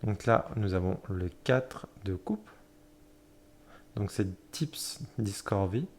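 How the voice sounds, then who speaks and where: A man casually flipping through a tarot deck, talking in a hesitant way with many fillers and self-corrections, often pausing to admire a card. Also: fairly low pitch, expressive, a little hiss or hum. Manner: admiring, soft-spoken commentary.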